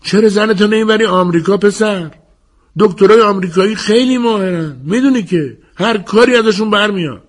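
A man voicing a brash, loud young man of the street in an audiobook, calling out in a raised voice. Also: medium pitch, expressive, breathy edge, pitched above the performer's own voice. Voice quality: raised shouting tone. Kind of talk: audiobook character voice.

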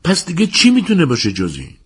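A man voicing a mocking, bitter middle-aged neighbor woman in an audiobook, in a high scornful put-on voice. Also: wildly swooping pitch, breathy edge, full character voice. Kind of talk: audiobook character voice.

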